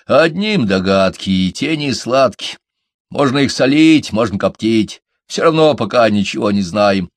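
A man's voice: fairly low pitch, animated, unhurried, no room sound, studio quality, voice pushed up. A man voicing a small, sarcastic male dwarf who scoffs and trades folksy sayings. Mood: scoffing.

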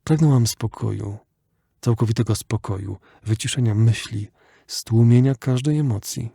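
Male audiobook narrator, measured and reflective, mellow tone, dry booth. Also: medium pitch, gravelly, slightly rough, no room sound. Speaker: audiobook reader.

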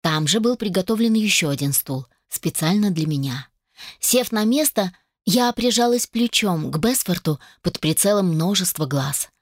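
A woman reading a first-person audiobook in a measured, wry storytelling manner. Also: fairly low pitch, animated, no room sound, studio quality. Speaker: audiobook narrator.

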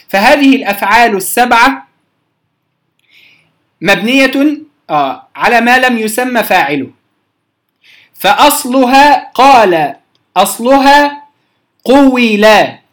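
A teacher works through a recorded lesson on word forms, checking in with the listeners again and again. The voice sits at a middle pitch and slows right down to spell out each word sound by sound. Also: a bit bright. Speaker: teacher of Quranic readings.

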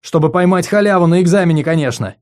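A male audiobook reader voicing a frantic, deranged young male student who rants in a rushed, excitable way. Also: on the high side, voice pushed up, close to an everyday voice. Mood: brash.

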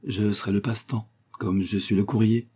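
A man's voice: lowish voice, flat delivery, normal speed, dark tone, breathy edge. A man voicing a lovesick, ardent young royal page in an audiobook, with earnest, fervent courtly speech. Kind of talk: audiobook character voice.

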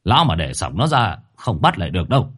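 A man voicing a bossy, gruff middle-aged male exorcist who scolds and threatens. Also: sits low, sing-song, fast, a bit bright, full character voice.

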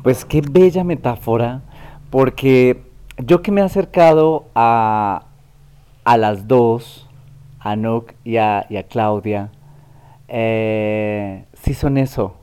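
A man's voice: medium pitch, slow, warm tone, smooth. A man hosting a talk show, who talks in a rambling, affectionate way and often corrects himself. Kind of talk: casual interview hosting.

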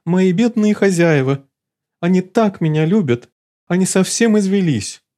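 Man playing vain princess cat, high and shrill, haughty, theatrical. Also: expressive, unhurried, mellow. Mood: alarmed. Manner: haughty, theatrical and easily outraged. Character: vain fickle female cat calling herself a princess.

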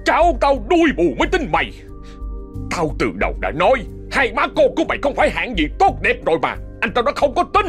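A man voicing a furious old uncle who shouts curses. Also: extremely high pitch, wildly swooping pitch, brisk, faint music behind, voice pushed up, exaggerated voice. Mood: raging.

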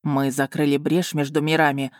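A woman voicing an overjoyed, overwrought male dragon in an audiobook, speaking a little lower and with earnest warmth. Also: flat delivery, moderate pace, no room sound, clean studio sound, natural voice. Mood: ecstatic.

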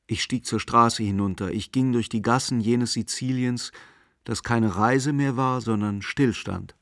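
A man narrating a radio drama in a slow, measured, melancholic manner. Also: mid-range voice, fairly bright tone, dry recording, studio quality. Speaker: narrator and main character.

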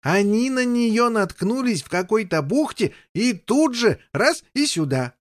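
A man's voice: high-pitched, lively intonation, measured pace, dry recording, studio quality, voice pushed up. A man voicing a bumbling, overexcited king who chatters on and never lets others speak. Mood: gushing. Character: bumbling, overexcited middle-aged male king. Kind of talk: audiobook character voice.

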